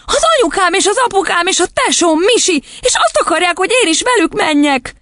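A woman voicing an excitable little girl who pleads in high, breathless cries. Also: no room sound, exaggerated voice. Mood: desperate.

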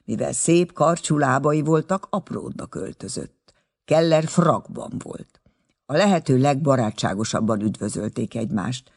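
A man narrating a story in an expressive reading voice. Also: mid-range voice, vocal fry, slightly rough. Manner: expressive, wide-ranging reading. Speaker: audiobook narrator. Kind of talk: read-aloud storytelling.

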